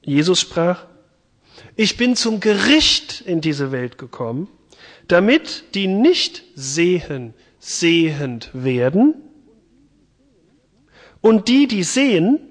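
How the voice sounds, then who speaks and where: A man giving a sermon, retelling and reading a Bible passage in a chatty, lively way. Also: high-pitched, slow, long pauses, big-room sound. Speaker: preacher. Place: church.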